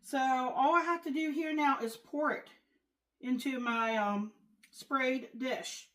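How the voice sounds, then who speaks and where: Middle-aged woman host, homey cooking-demo chatter, pitched a bit high. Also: steady tone, slow, fairly bright tone, low-quality recording. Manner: chatty, homey, with many fillers. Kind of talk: casual cooking demonstration.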